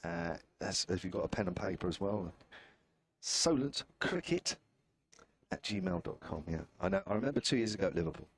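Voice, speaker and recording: A chatty cricket commentator with a southern English accent gives live ball-by-ball commentary from an outdoor position at a cricket ground. His low voice has a breathy edge and lively intonation at normal speed, and his manner is wry and self-deprecating.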